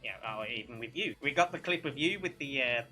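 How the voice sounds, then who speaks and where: Male host, very quick and bright delivery, chatty teasing banter, music in the background. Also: medium pitch, animated. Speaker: talk show host. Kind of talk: casual chat.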